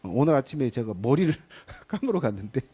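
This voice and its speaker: Animated middle-aged man preaching. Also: medium pitch, fairly quick, breathy edge. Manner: animated and conversational, acting out little scenes. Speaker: pastor. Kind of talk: sermon. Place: church sanctuary.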